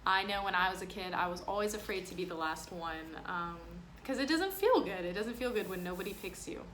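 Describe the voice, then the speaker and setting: A woman reads a picture book aloud to children, as a storyteller or teacher, pausing for simple, plain explanations in child-directed language. Her voice is on the low side, lively, brisk, and a bit bright; the audio is poor, with clearly audible background noise.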